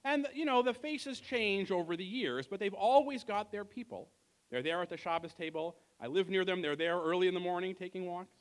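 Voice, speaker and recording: A man's voice: high-pitched, animated, fairly quick. A man giving a heartfelt tribute speech at a banquet, searching for words before handing off the stage. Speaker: banquet emcee. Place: large event hall in a car museum.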